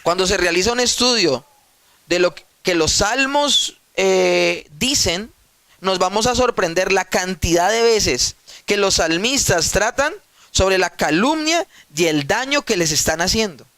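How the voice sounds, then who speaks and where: High-voiced man preaching a sermon. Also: expressive, a little slow, sharp tone, no echo. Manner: emphatic preaching with rhetorical questions; addresses listeners directly. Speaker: pastor.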